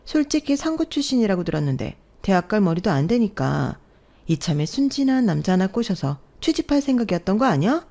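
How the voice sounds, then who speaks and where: A woman's voice: mid-range voice, sing-song, a little fast, warm tone. A woman voicing condescending older sisters-in-law in an audio story, mocking the young bride sarcastically. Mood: sneering.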